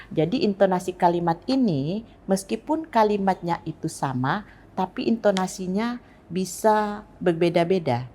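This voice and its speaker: Low-voiced woman teaching slowly. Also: darkish tone. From Palembang, Indonesia. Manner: slow, deliberate, demonstrates intonation examples. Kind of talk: instructional lesson on recitation technique.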